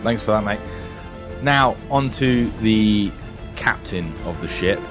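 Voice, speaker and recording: A man's voice: lowish voice, lively intonation, slow, music in the background. A man hosting a tabletop role-playing session as dungeon master, introducing the players in a chatty, laid-back way. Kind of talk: casual tabletop game introduction.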